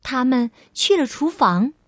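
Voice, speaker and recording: A woman storyteller reading a children's bedtime story aloud in a gentle way, speaking to a little listener. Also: sits high, lively intonation, no echo, studio quality. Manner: slow, gentle, addresses child as sweetheart.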